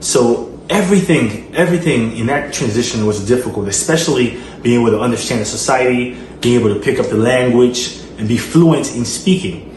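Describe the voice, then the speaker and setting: A man's voice: mid-range voice, brisk, few pauses, darkish tone. A man from Liberia with a Liberian accent, hosting his channel and answering fan questions in an earnest way, with frequent fillers and repeated phrases. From Liberia, West Africa. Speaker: channel host. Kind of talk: casual Q&A vlog. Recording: echoey room with noise.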